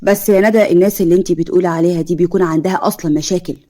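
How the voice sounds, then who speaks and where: A man's voice: high voice, fairly even intonation, very fast, mellow, pitched below the performer's own voice, lightly acted. A woman voicing an anxious young Egyptian husband in a spoken drama story. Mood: worried. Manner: worried, pleading.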